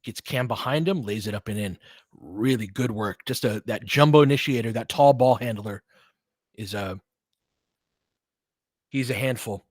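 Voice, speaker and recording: At a moderate pace with frequent pauses, a medium-pitched man hosts live basketball play-by-play, recorded cleanly in a studio with no echo. He roots openly for his team, delivering the action in terse, fragmentary bursts.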